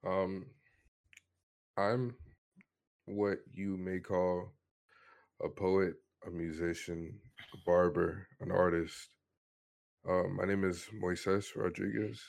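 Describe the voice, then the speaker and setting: A man's voice: low-pitched, level tone, takes it slowly, vocal fry, pauses often, a little mellow. A man in his twenties from Miami tells his personal story in an earnest, matter-of-fact way during a casual interview. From Miami, Florida, USA. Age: 20s.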